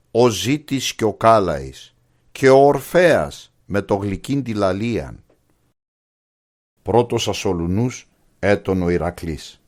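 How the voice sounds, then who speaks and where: A man's voice: fairly low pitch, natural voice. Man voicing Jason, solemn Pontic Greek hero-narrator. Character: heroic Argonaut leader Jason recounting his voyage. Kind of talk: storybook cartoon narration. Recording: voice over continuous music.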